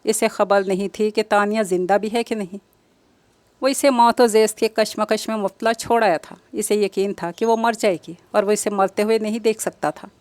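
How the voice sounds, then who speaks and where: A woman's voice: mid-range voice, steady tone, a little mellow, no echo. A woman reading an emotional novel aloud in scripted audiobook narration, with dramatic, emotive delivery.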